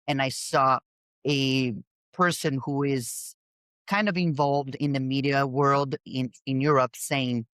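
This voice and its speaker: Woman, podcast host, emphatic and animated, stumbles and restarts, dead dry sound. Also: rumbling low, dry recording. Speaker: podcast host and bodybuilding coach. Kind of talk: casual podcast conversation.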